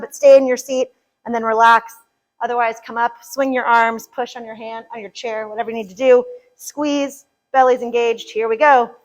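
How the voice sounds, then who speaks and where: A high-voiced woman teaches live chair yoga, staying upbeat and playful as she counts out reps, now and then a bit out of breath. The audio is poor.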